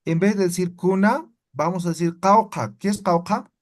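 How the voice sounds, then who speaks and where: A man's voice: high-pitched, moderate pace. A man teaching a language class, explaining step by step and checking in with his students again and again. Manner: explains patiently, keeps checking with "¿no ve?".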